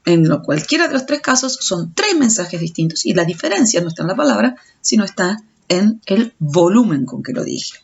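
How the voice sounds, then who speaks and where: A woman's voice: mid-range voice, very animated, moderate pace, creaky, hardly any pauses, darkish tone, breathy edge. Woman lecturing on a dull recording. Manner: explanatory, stumbling restarts on words. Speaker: teacher.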